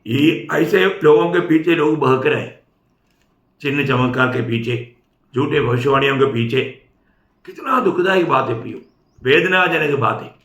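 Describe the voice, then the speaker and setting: Male preacher, somewhat high, bright and forceful delivery, emphatic sermon, echoey hall. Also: moderate pace. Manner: emphatic, with tag questions to the congregation. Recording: echoey room.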